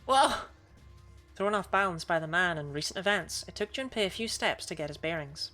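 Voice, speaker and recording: Low-voiced woman narrating a game. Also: expressive, normal speed, pushed and bright, soft background music. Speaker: streamer narrating a game playthrough. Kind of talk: scripted narration reading with character voices.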